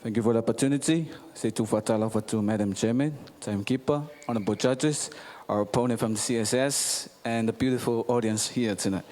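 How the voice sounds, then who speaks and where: Man, mid-pitched, faint background noise. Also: fairly quick, few pauses, a little mellow. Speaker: debater, first speaker. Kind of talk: formal speech of introduction.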